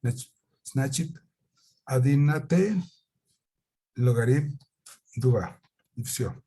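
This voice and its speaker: A man with a foreign accent giving an academic presentation in a language that is not his native one, haltingly and searching for words. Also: medium pitch, dark tone, husky. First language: not Russian. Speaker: conference presenter.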